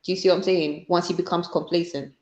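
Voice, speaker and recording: A woman's voice: lowish voice, fairly even intonation, fast talker, reverberant, dull audio. A woman in casual discussion, giving advice emphatically and repeating her points. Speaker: panellist giving relationship advice.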